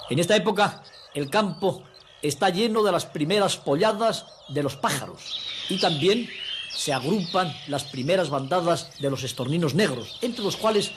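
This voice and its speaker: A man's voice: a little high, expressive, moderate pace, background noise. Emphatic man narrating a nature documentary. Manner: emphatic, didactic, addresses viewers as friends.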